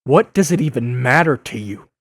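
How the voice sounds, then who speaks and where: A man's voice: mid-range voice, animated, moderate pace. A man playing an earnest, exasperated young wisecracking superhero in an audio drama, speaking with impassioned indignation. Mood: weary, pleading.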